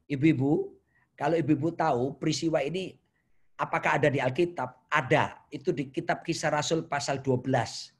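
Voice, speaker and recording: A man preaching a sermon over a video call in a notably high voice. He tells stories in a playful, animated way and keeps asking his listeners questions. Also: moderate pace, husky. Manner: playful, animated storytelling, asks the audience questions.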